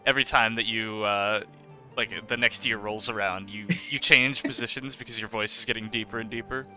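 A man's voice: on the low side, fairly even intonation, a little fast, bright, forceful tone, soft background music. A young man co-hosting a podcast in casual chat, rambling and laughing often, with casual swearing. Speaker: podcast co-host.

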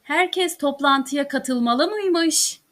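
Slow, high-voiced woman teaching grammar. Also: a bit bright. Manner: articulates each conjugation clearly and deliberately. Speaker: Turkish language teacher. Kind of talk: slow, careful grammar drill reading.

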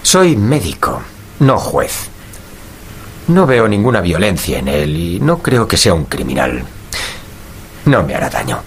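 A man acting in a radio drama as a kind, earnest gentleman doctor, polite and reassuring. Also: low voice, huge pitch swings, unhurried, pauses often, slight background noise, heavily acted. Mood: calming, firm. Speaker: voice actor.

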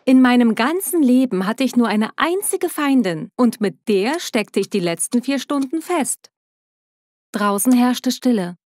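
A woman narrating her own story in the first person in a steady, scripted storytelling manner. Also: fairly high pitch, measured pace.

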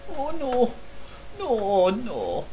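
A female gaming YouTuber does comedic let's play commentary, talking to her in-game tools in a goofy, mock-dramatic way as if they were old friends. Her high voice is dark in tone, very slow, and swings hugely in pitch. The audio quality is poor.

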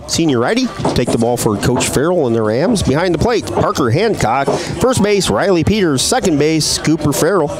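Lively baseball play-by-play man. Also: fairly high pitch, moderate pace, hardly any pauses, crowd noise. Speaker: play-by-play announcer. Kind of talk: live baseball commentary.

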